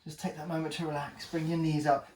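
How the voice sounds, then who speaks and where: A man's voice: on the high side, little pitch movement, quick pace, darkish tone, echoey room, distant mic, slight background noise. A man working as a personal trainer, talking viewers through an ab workout while exercising himself, encouraging and joking, short of breath between sets.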